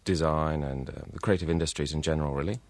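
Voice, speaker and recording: A man with a very low voice, guesting as a design lecturer on a radio show. He speaks in halting bursts, padded with uh and um. The sound is dry and close. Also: no room sound. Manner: hesitant, many uh and um fillers, uneven pace. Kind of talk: radio interview answers. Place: radio studio.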